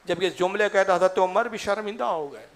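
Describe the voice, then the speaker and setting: High-voiced impassioned male preacher. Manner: impassioned, with colloquial asides to the listeners. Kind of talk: sermon storytelling.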